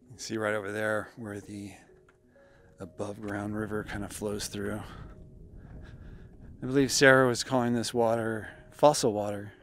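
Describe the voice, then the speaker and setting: A man's voice: on the low side, normal speed, faint music behind. A man filming himself on an outdoor boardwalk hike, chatting casually to viewers as he walks. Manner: relaxed, chatty, addresses viewers. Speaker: vlogger. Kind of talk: casual hiking narration. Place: outdoors on a desert boardwalk trail.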